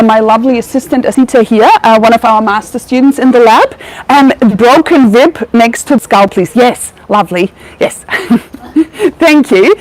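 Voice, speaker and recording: A woman's voice: fairly high pitch, a little mellow, poor audio. A young woman from Germany with a German accent tinged with Australian, a research veterinarian giving a chatty public talk full of ums and restarts. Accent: German with some Australian. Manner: chatty, frequent ums and self-corrections.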